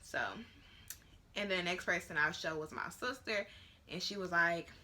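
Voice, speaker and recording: Late-teen woman, bright clear tone, rambling casual chat, many ums, home vlog on a tripod camera. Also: lowish voice, unhurried, a little hiss or hum. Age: late teens. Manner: chatty and rambling, with many fillers. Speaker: vlogger. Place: at home, near her bedroom.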